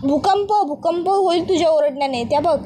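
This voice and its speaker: A woman voicing a sharp-tongued, irritable young husband who scolds and mocks, retelling a TV serial scene. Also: extremely high pitch, fairly quick, a little hiss or hum. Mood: irritated. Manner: scolding, sarcastic.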